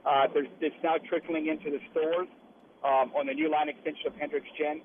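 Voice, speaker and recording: A man's voice: fairly high pitch, level tone, brisk. Man on a tinny phone line from truck cab. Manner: speaking from inside a truck cab while riding. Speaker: guest, liquor brand representative. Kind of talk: casual radio interview by phone. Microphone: phone call. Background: truck cab noise.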